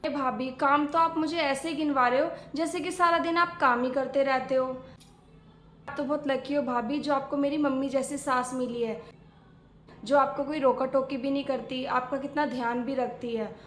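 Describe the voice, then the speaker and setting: A chatty young married daughter who keeps complaining about her in-laws, voiced by a woman. Her voice is high, and the skit is recorded in an echoey room. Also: steady tone, normal speed, fairly bright tone, a little hiss or hum. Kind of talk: family skit acting.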